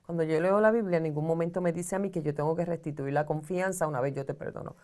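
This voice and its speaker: A middle-aged woman with a fairly low voice talks earnestly on a studio talk show set. She counsels and explains at length, recorded close on a lapel mic. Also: steady tone, quick pace, dark tone. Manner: earnest, counseling, gestures widely while explaining. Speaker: social communicator guest. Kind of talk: advice talk show conversation.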